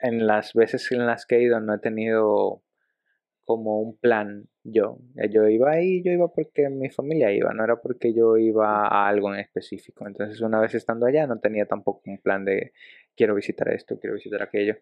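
A young man from Ecuador with a Dominican Spanish accent, co-hosting a podcast in casual chat, speaking in a measured, hesitant way. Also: fairly low pitch, steady tone, no echo. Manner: measured, hesitant, soft chuckles. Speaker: podcast co-host. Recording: dull dry lo-fi sound.

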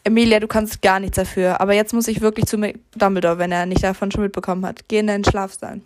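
A young woman voicing a stern but caring older female professor, speaking slowly and deliberately. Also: medium pitch, level tone, a little hiss or hum, close to an everyday voice. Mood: serious.

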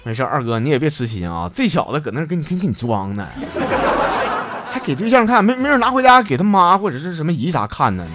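A man's voice: fairly high pitch, quick pace, very noisy. A man with a Northeastern Chinese accent hosting a radio-style show, telling listeners' funny stories and voicing the people in them. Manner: jokey, animated, voices the characters in his stories. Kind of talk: comedic storytelling.

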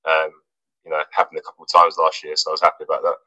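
This interview guest is a male footballer from England whose rumbling low voice races along. He sounds relaxed yet hesitant, with plenty of fillers and restarts, on a poor-quality recording that has no echo.

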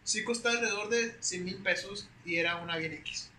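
A young man with a Mexican accent, a podcast guest telling stories in a slangy, animated, casual way. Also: high-pitched, brisk. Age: young adult. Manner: slangy, animated, peppers speech with güey. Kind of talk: casual storytelling chat. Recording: roomy echo with faint hiss.

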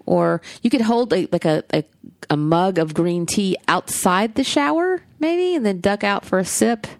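A woman's voice: medium pitch, expressive, normal speed, no echo. A woman with a Southern US accent, co-hosting a casual podcast, rambling with lots of fillers and casual swearing. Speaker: podcast co-host.

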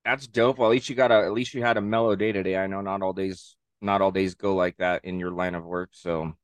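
Low-voiced, easygoing man in casual chat. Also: steady tone, brisk, no room sound. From Southern California. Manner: easygoing, slangy, sweary. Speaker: podcast co-host.

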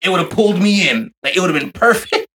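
A man co-hosting a casual group chat, animated and joking, quick to tease the others. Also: high voice, a crowd in the background. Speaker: podcast co-host.

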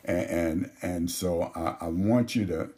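A man's voice: low voice, mellow, breathy edge. A man preaching a sermon, reading scripture aloud and explaining it verse by verse with frequent restarts. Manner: slow, measured teaching with frequent restarts. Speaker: pastor.

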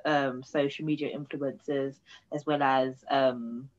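A woman's voice: rumbling low, flat delivery, measured pace, muffled recording. A woman in her early twenties with a London accent, hosting a casual chat in informal, slangy speech. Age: early 20s. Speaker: podcast host.

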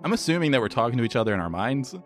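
A man's voice: mid-range voice, very animated, rapid-fire, over music. A man role-playing as a player in a tabletop game, with a simple, plainspoken manner. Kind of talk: tabletop role-play in character.

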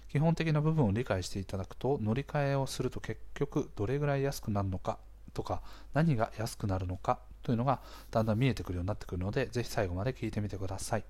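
A man with a slightly hoarse voice hosts a casual explainer, talking conversationally to listeners and often checking in with small interjections. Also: on the low side, fast, dark tone. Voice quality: hoarse, gravelly-sounding voice. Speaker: podcast host.

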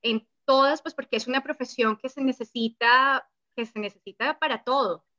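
Bright, slightly high woman guest. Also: moderate pace, lo-fi sound. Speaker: guest on study programs. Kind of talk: casual chat.

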